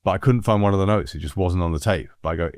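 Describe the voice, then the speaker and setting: A middle-aged man from England, a music producer, telling anecdotes in a relaxed, animated way with frequent laughs. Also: sits low, rapid-fire, dry recording. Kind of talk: relaxed storytelling.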